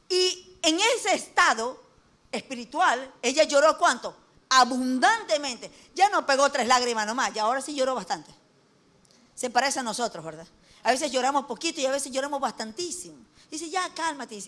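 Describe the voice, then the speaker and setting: A woman's voice: sits high, lively intonation, normal speed, a bit bright. A middle-aged woman with an Ecuadorian accent preaching a conversational sermon, folksy, asking her listeners questions and joking lightly. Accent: Ecuadorian Spanish.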